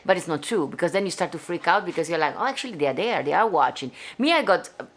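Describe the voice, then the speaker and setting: A woman in her forties from Venice with an Italian accent, chatting casually to viewers on her own live stream from her living room, very expressive. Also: on the low side, fast. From Italy (Venice). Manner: chatty and expressive, gestures a lot, reads viewer comments. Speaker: singer hosting her own live show. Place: living room at home with framed pictures.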